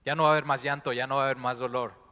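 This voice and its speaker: A man preaching a sermon as pastor, moving between hushed, intimate passages and loud, impassioned ones. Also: mid-range voice, fairly even intonation, rapid-fire. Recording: long hall reverb.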